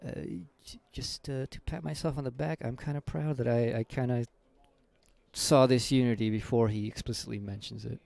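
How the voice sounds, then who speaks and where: Male, low unhurried voice with fry, mellow and dry, haltingly working through a philosophy text in discussion. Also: steady tone. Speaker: reading group member leading the discussion. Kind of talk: informal philosophy discussion with reading aloud. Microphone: voice call microphone.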